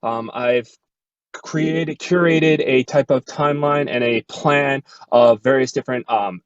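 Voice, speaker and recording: A man explaining his grant plans on a video call, halting often with many fillers and restarts. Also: medium pitch, clear, resonant tone, dry recording, dull audio. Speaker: grant finalist.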